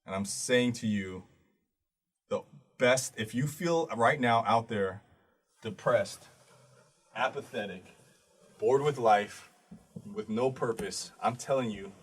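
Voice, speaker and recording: A man's voice: on the low side, husky. A man giving an earnest, preachy motivational monologue straight to the listener, blunt and tired by the end. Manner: earnest, preachy, direct address with blunt swearing. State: tired, voice fading to quiet. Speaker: artist giving a motivational talk.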